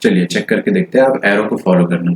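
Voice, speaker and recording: A man teaching maths in a live online lecture, working problems out loud in Hindi-English and checking in with students with frequent tag questions. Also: fairly low pitch, fast, poor audio. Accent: Indian. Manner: thinks aloud while solving, mixes in English phrases.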